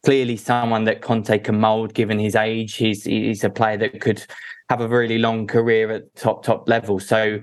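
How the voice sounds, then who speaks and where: A man's voice: on the low side, level tone, moderate pace. A man talking through football opinions as a podcast guest, casual and conversational.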